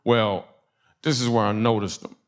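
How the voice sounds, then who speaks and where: A middle-aged man from Michigan doing stand-up storytelling, animated, acting out the voices of people in his story and laughing along with his own lines. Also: fairly low pitch, normal speed. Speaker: stand-up comedian. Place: comedy stage before a live audience.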